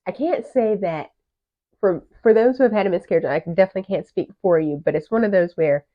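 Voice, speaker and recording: A woman's voice: mid-range voice, a little fast. Candid woman co-host telling her story. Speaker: podcast co-host. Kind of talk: casual chat. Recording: muffled lo-fi audio.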